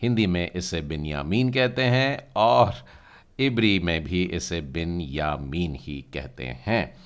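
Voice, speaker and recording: A man's voice: low voice, expressive, slow, clean tone. A man teaching a language class, patiently spelling out letters and sounds one by one and asking his learners to read along. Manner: addresses learners directly, asks them to read. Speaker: Hebrew teacher. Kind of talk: language lesson.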